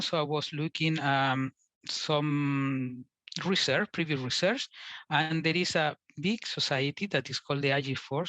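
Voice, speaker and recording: Guy from chile presenting at a conference, kinda high voice, stops and repeats himself, dry close sound. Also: sharp tone, no echo. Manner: halting, repeats words, non-native phrasing. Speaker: invited speaker. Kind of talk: conference talk.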